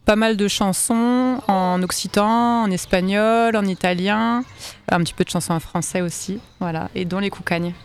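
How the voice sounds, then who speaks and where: A woman's voice: mid-range voice, moderate pace, clean tone. Earnest woman guest, hesitant. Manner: earnest, hesitant with many fillers. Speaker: choir member, guest. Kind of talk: radio interview.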